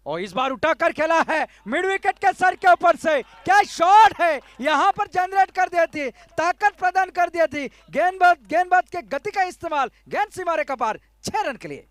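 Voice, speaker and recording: A man with an Indian accent giving live, excited cricket commentary, raising his voice for the big shots. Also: extremely high pitch, normal speed, hardly any pauses, no room sound.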